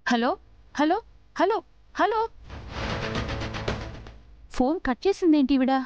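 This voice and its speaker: A woman's voice: sits high, expressive, takes it slowly. An actress playing a worried assistant calling her boss, with dull sound and music behind. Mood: anxious.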